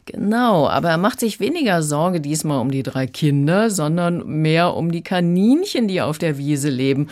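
Audiobook critic, measured, even delivery. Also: mid-range voice. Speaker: book reviewer. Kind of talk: radio review conversation.

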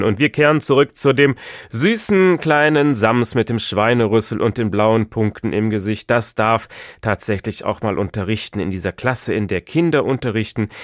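A man's voice: fairly low pitch, no echo, clean studio sound. A man hosting a radio magazine, reading scripted links in a matter-of-fact way. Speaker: radio host.

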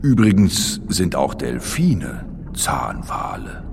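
A man's voice: low voice, sing-song, slow pace, vocal fry, long reverb tail, slight background noise, heavily acted. A man playing an easygoing, boastful, friendly giant blue whale, explaining things colloquially in a playful children's audio feature. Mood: chummy, explaining. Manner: colloquial, addresses the young listener directly.

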